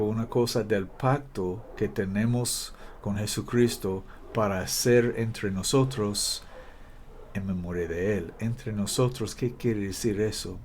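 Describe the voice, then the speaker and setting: A male preacher in Spanish, giving an emphatic, halting scripture sermon and correcting himself as he goes. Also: on the low side, a little mellow, slight background noise. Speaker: preacher, minister.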